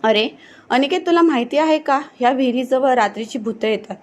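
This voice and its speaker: A woman's voice: sits high, expressive, brisk. A woman voicing a carefree, mischievous young village man in a storybook reading, in a casual, teasing tone.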